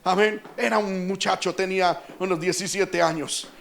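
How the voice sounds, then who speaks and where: A Colombian man preaching a passionate sermon as pastor, building up to shouts. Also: high-pitched, fairly even intonation, normal speed, gravelly.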